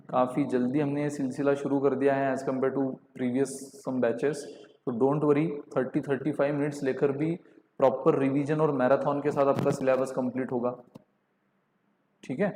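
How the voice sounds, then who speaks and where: A man's voice: on the high side, warm tone, slight background noise. Indian man teaching in an echoey room. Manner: mixes Hindi and English, reads statements out slowly, calls on students by name. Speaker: online teacher. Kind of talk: live online lecture.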